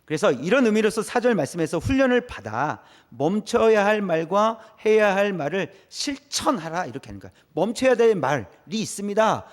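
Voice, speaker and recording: Lively high-voiced man preaching. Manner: conversational, asks the congregation questions. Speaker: pastor. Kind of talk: sermon. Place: church.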